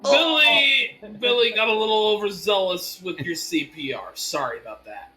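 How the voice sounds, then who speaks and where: A man playing a concerned survivor who gently steadies an injured companion in a tabletop role-play. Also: high-pitched, lively intonation, normal speed, soft background music, exaggerated voice, low-quality recording. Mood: soothing, careful.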